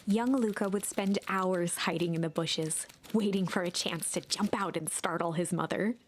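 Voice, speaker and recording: A woman's voice: lowish voice, moderate pace, a little hiss or hum, lightly acted. A woman reading scripted story narration for a game.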